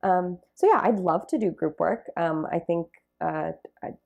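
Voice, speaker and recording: Young female guest, low-pitched with a touch of fry, thoughtful and unhurried in conversation. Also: darkish tone, dull audio. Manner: reflective, many fillers like "like" and "um". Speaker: interview guest, Bharatanatyam dancer. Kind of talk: casual interview conversation.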